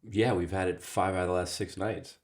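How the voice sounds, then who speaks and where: A middle-aged man with a very deep voice co-hosting a podcast. He chats casually and teases his wife with dry sarcasm. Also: fairly even intonation, fairly quick. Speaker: podcast co-host.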